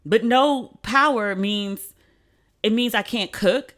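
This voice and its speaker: A woman's voice: on the high side, slow, a bit bright. A tipsy woman hosting a podcast, talking casually and unscripted in salty, slangy language with repeats for emphasis. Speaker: podcast host. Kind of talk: casual chat, unscripted monologue.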